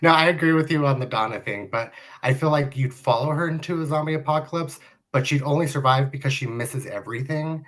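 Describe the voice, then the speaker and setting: A man hosting a casual livestream, relaxed and putting questions to his guests. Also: a little high, fairly quick. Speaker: host.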